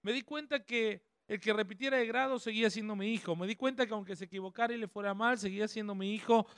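High-voiced man teaching a workshop. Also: fairly even intonation, fast talker, a bit bright, clean tone, dry recording, clean studio sound. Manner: conversational, checks with the audience often. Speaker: speaker at a family workshop.

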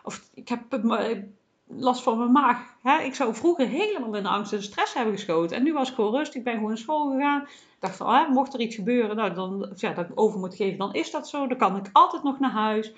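Woman, podcast host, calm self-help talk, soft reassuring manner, lots of fillers, somewhat muffled lo-fi sound. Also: fairly high pitch, fast talker. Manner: gentle and reassuring, with frequent "hè" tags and fillers.

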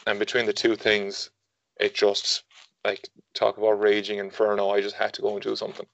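Podcast guest: man, twenties, west of Ireland accent, lowish flat voice, hesitant informal chat, dry muffled recording. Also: brisk, gravelly, no echo. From Galway, Ireland. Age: 20s. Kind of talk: casual interview chat.

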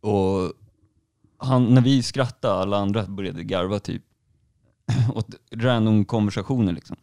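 A young man chatting casually with friends in a relaxed, slangy way. His low voice has a gravelly edge. The sound is dry and close. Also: no echo. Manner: laid-back, slangy. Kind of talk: casual chat.

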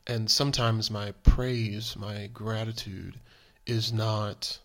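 A man co-hosting a podcast in earnest, animated casual conversation. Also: lowish voice, slow. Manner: earnest, animated, repeats himself. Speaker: podcast co-host.

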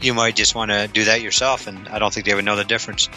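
A man co-hosting a casual podcast, halting speech full of fillers. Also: lowish voice, level tone, pushed and bright, faint music behind. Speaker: podcast co-host.

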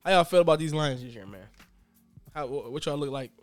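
A man's voice: fairly high pitch, animated, brisk, no room sound, soft background music. A man with a Detroit accent co-hosting a podcast, trading loose, profane banter and laughing often. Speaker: podcast co-host. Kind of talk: casual chat.

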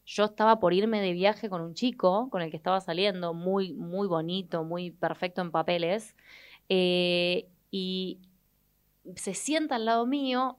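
A young adult woman with an Argentine accent, telling a personal story in an expressive way and acting out the people she quotes. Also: mid-range voice, clean tone. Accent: Argentine Spanish. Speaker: guest. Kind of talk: animated storytelling in conversation.

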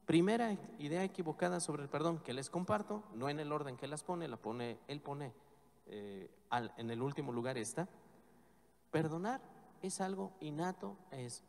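Priest, male, emphatic homily delivery, slightly high voice, long church echo. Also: gravelly, a little mellow. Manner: measured, emphatic preaching with slow stressed words. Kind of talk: Gospel reading and homily.

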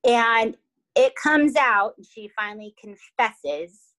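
A young adult woman hosts a casual storytelling chat, animated and dramatic in her delivery. She leans on fillers like "like" and keeps asking "right?" to pull her listener along. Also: on the high side, slow, low-quality recording. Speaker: podcast host telling a true crime story.

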